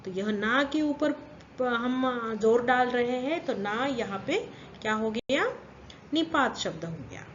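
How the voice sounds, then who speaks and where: Slow, patient woman teaching grammar. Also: fairly high pitch, expressive, a little hiss or hum. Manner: slow, patient explaining, repeats example sentences with stress on key words. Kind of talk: grammar lesson for children. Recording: dull lo-fi audio.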